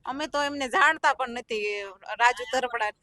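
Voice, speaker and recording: A woman's voice: high voice, moderate pace, bright, forceful tone, no echo. A woman villager speaking insistently and emphatically. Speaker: villager interviewed.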